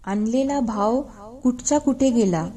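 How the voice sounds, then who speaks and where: A woman's voice: a little high, measured pace, warm tone, lightly acted. A woman voicing a teasing old queen mother. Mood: teasing fond. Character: affectionate teasing older mother-in-law queen.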